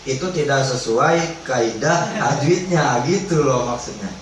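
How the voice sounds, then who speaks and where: Slow, echoey male recitation teacher. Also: mid-range voice. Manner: explains in relaxed colloquial speech, then chants drawn-out recited examples. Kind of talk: religious study lesson on recitation rules. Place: religious study hall. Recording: echoey hall, distant mic, faint background noise.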